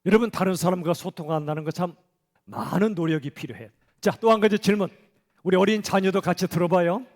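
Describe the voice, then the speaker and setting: A man's voice: sits high, brisk, darkish tone. A middle-aged man preaching a sermon as a pastor, talking conversationally and asking the congregation questions. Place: church sanctuary. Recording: church hall reverb.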